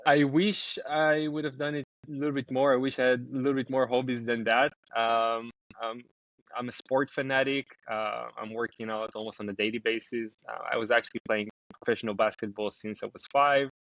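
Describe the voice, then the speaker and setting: In a casual podcast interview, a young founder of a startup from Israel speaks at a fairly quick clip in a level, medium-pitched voice that's a bit bright. He talks loosely with many ums and restarts, and the remote recording is dry and slightly dull.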